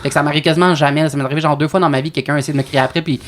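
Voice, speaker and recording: A man with a Quebec French accent, co-hosting a podcast, telling a story in a chatty, animated way. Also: a little high, very fast, slight background noise. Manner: animated, chatty, full of restarts. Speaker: podcast co-host. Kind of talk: casual chat, storytelling.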